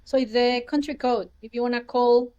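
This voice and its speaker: A woman's voice: on the high side, fairly even intonation, normal speed, mellow, clear, resonant tone, lo-fi sound. A woman from Colombia, a podcast guest explaining things thoughtfully in casual chat. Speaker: guest, documentary filmmaker.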